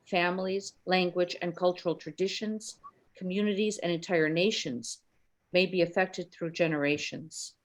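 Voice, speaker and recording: Woman moderating an online webinar. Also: lowish voice. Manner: reads a formal speaker introduction. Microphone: video call.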